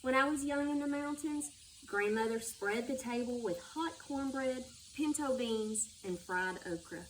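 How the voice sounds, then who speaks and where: A school superintendent reads a children's book aloud in a fairly high voice, going a little slowly. The microphone is distant and picks up background noise.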